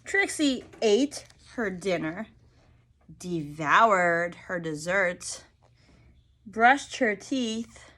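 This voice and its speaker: A woman reading a picture book aloud to young children, expressive and often pausing to ask them questions. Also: mid-range voice. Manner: expressive, prompting listeners with questions.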